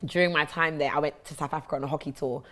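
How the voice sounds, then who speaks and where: Low-voiced South London woman. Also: steady tone, very fast, fairly bright tone. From South London, England. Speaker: interview guest. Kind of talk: personal storytelling in an interview.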